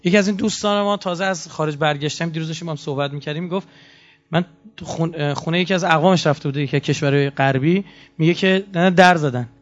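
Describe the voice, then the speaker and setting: A man lectures to an audience in a story-telling way. His voice sits a little high, and he acts out the quotes with lively swings. The recording is muffled and lo-fi. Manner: animated storytelling with acted-out quotes. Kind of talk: anecdotal lecture. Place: lecture hall.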